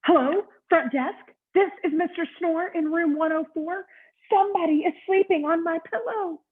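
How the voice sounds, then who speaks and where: A woman voicing a grumpy, sleepy male hotel guest in a storybook reading, speaking up high and indignant, on tinny phone-like audio. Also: normal speed. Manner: cranky, indignant, raised voice.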